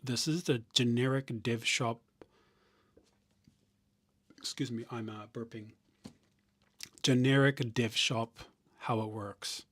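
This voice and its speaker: A man of middle pitch rambles through a casual live stream, reading out viewer comments and restarting his sentences often. The sound is dry and close, with keyboard typing now and then behind him. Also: steady tone, slow, long pauses, no room sound. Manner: rambling, thinking out loud with restarts; reads viewer comments aloud.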